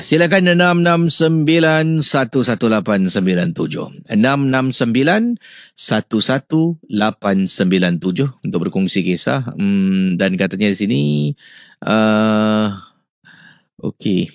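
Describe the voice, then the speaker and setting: A man hosting a radio show, reading out listener ghost stories in an animated, suspenseful way. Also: no echo, clean studio sound. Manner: animated, with sudden rises in pitch and loudness for suspense.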